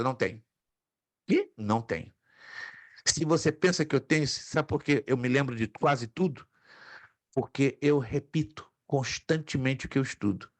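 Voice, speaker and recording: Man, teacher, slow and patient, repeats words, dry close sound. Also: on the high side, no room sound. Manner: patient, drills pronunciations by repeating them; jokes lightly with students. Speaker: Greek teacher. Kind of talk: online lecture. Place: home office.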